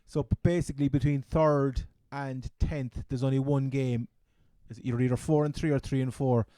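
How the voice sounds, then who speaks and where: A man's voice: mid-range voice, steady tone, normal speed, warm tone, dry recording. A man with a Cork accent from Ireland, chatting casually as a sports podcast co-host and often restarting his phrases. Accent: Irish, Cork. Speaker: fantasy football podcast co-host.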